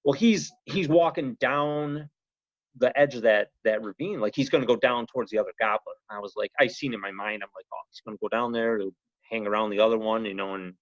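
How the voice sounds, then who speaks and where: A man's voice: mid-range voice, brisk, no echo. Brief: male podcast guest, rambling storyteller, dry close sound, a bit muffled. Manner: rambling, animated, lots of "you know" and "he goes". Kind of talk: casual storytelling. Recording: slightly muffled podcast audio.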